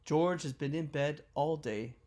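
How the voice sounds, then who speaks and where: A woman reading a picture book aloud a line at a time, slowly and clearly, for a child to repeat, acting out loud sneezes. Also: low-pitched. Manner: animated, with loud acted sneezes. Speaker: storybook reader.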